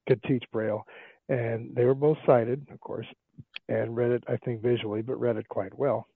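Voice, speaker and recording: Gravelly man on a tinny phone line. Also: mid-range voice, no room sound. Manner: rambling, with frequent restarts. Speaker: caller. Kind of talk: casual phone-in talk.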